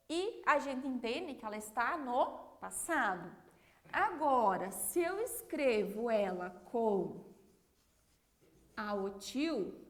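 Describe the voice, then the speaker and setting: A Brazilian woman teaching a primary school class, explaining patiently and checking in with the children often. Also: fairly high pitch. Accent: Brazilian Portuguese. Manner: slow, patient, clear word-by-word explanation; checks understanding with frequent "ok?".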